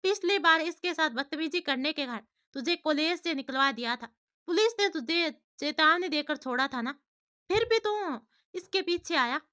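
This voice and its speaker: A protective young man barks orders in a bright, forceful voice, read by a woman storyteller. He sounds hot-tempered and commanding, a storybook hero. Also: sits high, a little slow. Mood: furious. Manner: commanding, shouting in anger.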